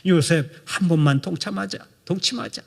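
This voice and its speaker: A man voicing a lustful noblewoman who coaxes a servant with low insistence. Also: moderate pace, creaky, breathy edge, full character voice. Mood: coaxing.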